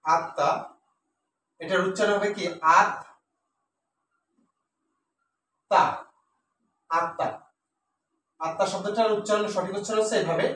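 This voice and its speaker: A man giving a pronunciation lesson, explaining step by step and repeating words slowly with many fillers. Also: sits high. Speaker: Bengali teacher. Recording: echoey room, voice from a distance, faint noise.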